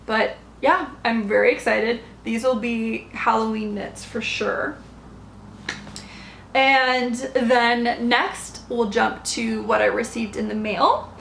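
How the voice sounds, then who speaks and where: Woman, podcast host, unhurried rambling chat, slightly high, echoey room. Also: gravelly, a bit bright. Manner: chatty, rambling, many fillers and restarts. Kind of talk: casual chat showing yarn haul. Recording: echoey room, faint background noise.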